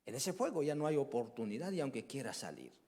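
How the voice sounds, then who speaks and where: A male evangelist preaching a sermon with passion, dropping to hushed murmurs and then rising to loud cries, often putting questions to the congregation. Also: medium pitch, big pitch swings, fast talker.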